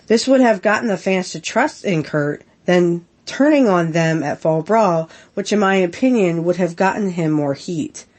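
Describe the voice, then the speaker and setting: A woman with a lowish, darkish voice hosts a casual podcast while getting over a head cold. She speaks expressively but haltingly, full of ums, as she shares earnest opinions.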